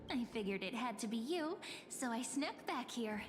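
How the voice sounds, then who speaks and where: An actress playing a sweet, playful young woman in an anime-style game, teasing and gentle with theatrical delivery. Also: fairly high pitch, animated, moderate pace, natural voice. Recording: long reverb, music over voice.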